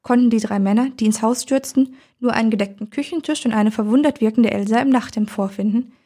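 A woman reading a first-person story aloud in a calm, measured storytelling manner. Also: fairly high pitch, husky. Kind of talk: first-person audiobook narration.

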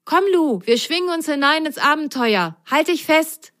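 Woman doing a bright, adventurous little sock. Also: sits high, animated, normal speed, pitched above the performer's own voice. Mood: excited.

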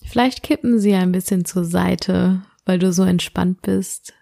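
A woman narrating a soothing sleep meditation like a bedtime guide, in a gentle, unhurried manner with drawn-out phrases. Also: lowish voice, vocal fry, no echo, studio quality. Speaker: podcast host and meditation guide.

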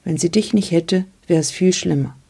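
A kindly older doctor speaks in a calm, reassuring way, as a woman reads his lines. The voice is gravelly and a little husky, with a dark, mellow tone. It is an audiobook-style storybook reading. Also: fairly low pitch, moderate pace, exaggerated voice.

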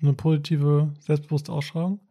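A man's voice: fairly high pitch, flat delivery, normal speed, dark tone. A young man hosting a casual chat, throwing in slangy interjections and reflecting on his guest's story.

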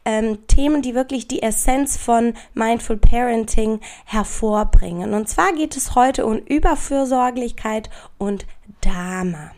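A woman talks casually to her podcast listeners in a slightly high voice with a lot of gravelly creak. She sounds thick with a cold, nasal and sniffly, with a raw rasp. Her delivery is effusive and emphatic. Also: darkish tone. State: congested, stuffy nose from a heavy cold. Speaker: podcast host. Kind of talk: casual solo podcast talk addressed to the listener.

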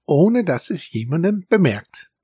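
Man doing a cheeky little male mouse, high perky voice, clever, storybook, husky. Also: sing-song, unhurried, mellow, dry recording, studio quality, exaggerated voice. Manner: giggly, cheeky, higher storybook voice.

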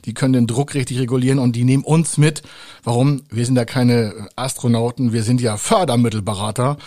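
A man hosts a podcast, addressing listeners in an informal, effusive monologue. His voice is dark and relaxed, with a medium pitch, recorded dry and close. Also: brisk, dry recording. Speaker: podcast host, funding consultant.

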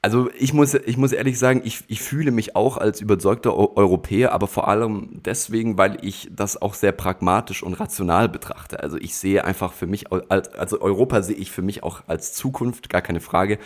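A man's voice: on the low side, fairly quick, hardly any pauses. A man co-hosting a podcast, candid and a little hesitant, with fillers and restarts. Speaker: podcast co-host. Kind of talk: conversational podcast talk.

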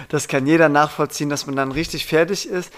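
A young man co-hosting a podcast, talking in a relaxed and hesitant way, often restarting his sentences. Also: a little high. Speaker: podcast co-host. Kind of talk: casual chat.

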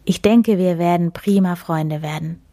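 A woman voicing a friendly, magical male snowman spirit in a read-aloud children's story, with a soft, breathy and mysterious way of speaking. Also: fairly low pitch, a little slow, no echo, lightly acted. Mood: amused.

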